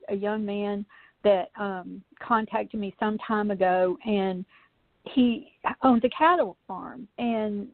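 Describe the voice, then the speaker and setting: A woman guest who researches UFOs, telling anecdotes in a chatty, animated way full of fillers. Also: mid-range voice, no room sound. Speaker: podcast guest, UFO researcher. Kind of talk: casual storytelling in a call-in interview. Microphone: phone. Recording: tinny, dry phone line.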